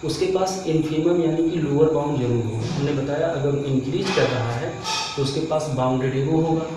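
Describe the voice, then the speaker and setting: A man's voice: a little high, moderate pace. A male math teacher explains a lesson step by step and keeps asking the class rhetorical questions as he works. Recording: echoey room, voice from far off, faint noise.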